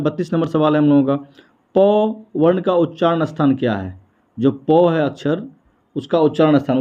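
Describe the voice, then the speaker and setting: A man teaching a Hindi exam prep lesson. He asks questions and answers them himself, repeating each point. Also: on the high side. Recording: tinny phone-like sound.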